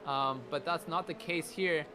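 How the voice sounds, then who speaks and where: A man's voice: a little high, steady tone, unhurried, pushed and bright, a little hiss or hum. A man doing live motorsport race commentary, narrating the action play by play.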